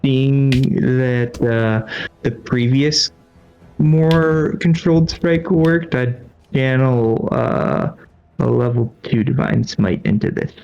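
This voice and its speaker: A man's voice: medium pitch, slow, gravelly, a little mellow, smooth, lo-fi sound. A man playing a tabletop game, describing his character's moves hesitantly with fillers. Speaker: player.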